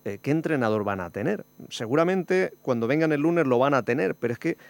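Gravelly-voiced man from hosting. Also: mid-range voice, lively intonation, a little fast, dry recording. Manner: critical, pointed, wry. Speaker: radio show host. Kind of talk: sports radio panel discussion.

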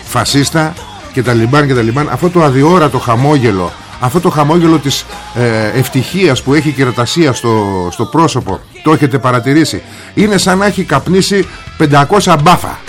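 A man's voice: medium pitch, animated, faint music behind. A man hosting a political talk show, delivering a sarcastic, combative monologue straight at the viewer.

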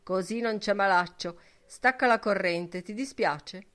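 A woman's voice: medium pitch, measured pace, a bit bright, close to an everyday voice. A woman reading an audiobook, voicing a jovial, mocking young man who teases and mock-preaches. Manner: mock-preaching, boisterous, teasing.

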